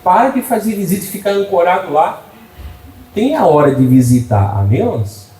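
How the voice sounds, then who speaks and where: Joking preacher in an echoey church. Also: male voice, high-pitched, sing-song, fairly quick, dark tone, far from the mic, slight background noise. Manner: humorous, folksy preaching with frequent call-and-response. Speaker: pastor. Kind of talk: sermon.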